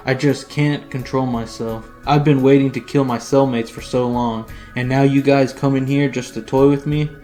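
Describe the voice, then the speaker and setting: A man's voice: mid-range voice, steady tone, normal speed, few pauses, dark tone, soft background music, lightly acted. A man voicing a desperate, creepy male killer in a spoken fan story. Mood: creepy calm. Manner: pleading, then gloating.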